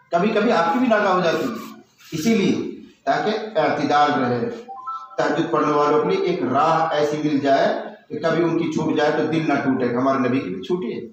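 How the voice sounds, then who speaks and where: A man's voice: on the high side, a little hiss or hum. A man preaching a sermon in a conversational, teasing way, full of rhetorical questions. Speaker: Islamic preacher. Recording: echoey hall from far off.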